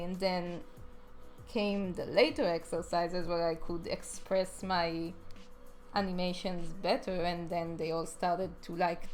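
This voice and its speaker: This rough recording has a young adult woman with a lowish voice doing casual, chatty voice-over for her speed draw animation video. She's self-deprecating, pronounces R's as W's, and has music running underneath.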